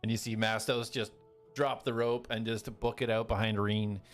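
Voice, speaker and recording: A man acting as game master, narrating a fantasy tabletop game in descriptive, drawn-out phrases. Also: fairly low pitch, flat delivery. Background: background music.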